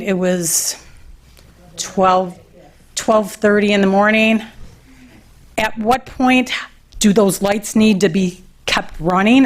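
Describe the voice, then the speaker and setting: A woman speaking as a resident at a village board meeting, telling a story at length and asking questions. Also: mid-range voice. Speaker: resident speaking at public comment. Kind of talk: public comment at a meeting.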